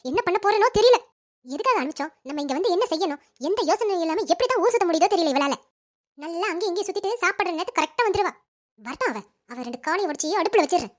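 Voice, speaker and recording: A sharp-tongued cartoon mother-in-law who scolds her son without pause, as a voice actor plays her. Her voice sits very high and the words tumble out quickly. The cartoon drama is delivered in a dubbed studio style. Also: expressive. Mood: grumbling. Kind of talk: cartoon family drama dubbing.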